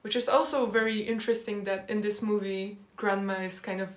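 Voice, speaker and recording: A woman with a mid-pitched voice speaks in short, halting phrases. Her voice carries room echo. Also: steady tone. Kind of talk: casual film discussion. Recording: echoey room.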